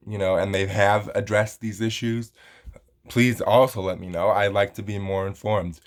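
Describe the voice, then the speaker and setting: Rambling, friendly man vlogging a review. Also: on the low side. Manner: rambling, frequent ums and you-knows; friendly, speaks straight to viewers. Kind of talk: casual product review vlog.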